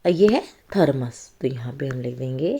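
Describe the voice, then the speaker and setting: A woman's voice: rumbling low, lively intonation, gravelly, dark tone, husky. A woman teaching young children to read, talking patiently through a worksheet and checking in often with the listener. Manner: slow, patient explaining with frequent check-ins. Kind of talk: children's reading lesson.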